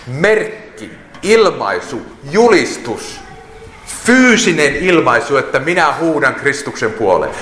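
A man's voice: medium pitch, fairly bright tone, a little hiss or hum. A man preaching a sermon, emphatic, listing points and quoting scripture. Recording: echoey hall with long reverb.

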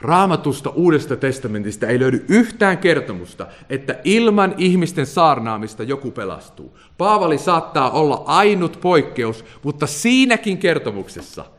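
A man delivers a sermon in a mid-range voice that rises and falls with lively emphasis. He presses his listeners with rhetorical questions, now and then breaking into a short laugh. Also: medium pitch. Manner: animated preaching, rhetorical questions, occasional laughs. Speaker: preacher.

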